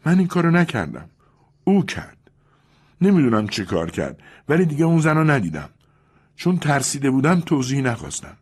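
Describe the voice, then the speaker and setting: A man's voice: medium pitch, very animated, a little mellow, slightly rough, pitched above the performer's own voice. A man voicing a cunning young woman in an audiobook, defiant and pleading by turns. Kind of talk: audiobook character reading.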